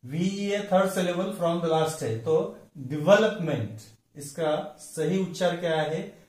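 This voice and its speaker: Slow, careful male teacher in an echoey room. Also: sits high, darkish tone. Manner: slow and deliberate, spells words out letter by letter. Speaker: English pronunciation teacher. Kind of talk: slow explanatory lesson.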